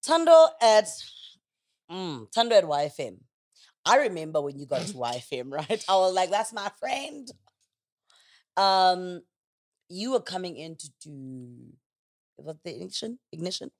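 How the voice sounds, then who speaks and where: A woman's voice: lowish voice, very animated, moderate pace. A South African woman hosting a casual interview, asking questions and teasing her guest. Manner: warm prompting questions, teasing. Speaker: interview host.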